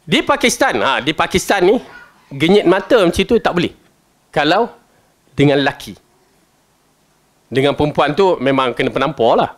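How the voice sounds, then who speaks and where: A high-pitched man with a Malaysian Malay accent teaching Quran commentary to a class. His talk is colloquial and jokey, and he draws out the Arabic verses in a slow chant. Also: big pitch swings.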